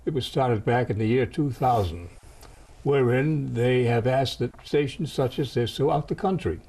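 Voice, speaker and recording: Hosting his television interview show for veterans, which he also produces, an older American man speaks in a mellow, mid-range voice with a breathy edge, at moderate pace. He's folksy and supportive, mixing slang with formal wording.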